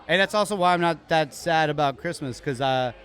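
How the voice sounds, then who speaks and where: At a live podcast taping in a bar, a co-host with a fairly high, slightly bright voice chats casually. His talk is upbeat and meandering, marked by frequent halting restarts.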